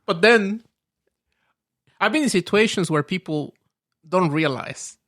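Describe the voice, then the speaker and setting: Male podcast participant, higher pitch, reflective and halting, dry studio sound. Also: lively intonation, fairly bright tone, dry recording. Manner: reflective, halting, many fillers like "like". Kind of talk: casual podcast chat.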